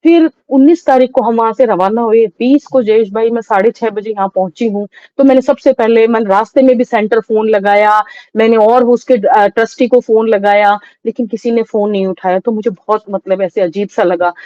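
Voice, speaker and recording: A middle-aged woman recounting a painful loss as an interview guest, in a halting, sorrowful way with many restarts. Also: on the high side, warm tone, dry recording, highs cut off. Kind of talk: emotional personal testimony.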